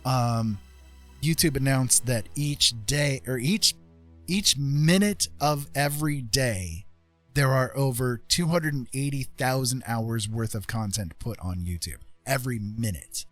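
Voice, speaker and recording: Unhurried and a bit bright, this host's mid-range voice has no room sound, though music plays behind it. Chatting casually on his livestream, he rambles emphatically and repeats phrases to underline them.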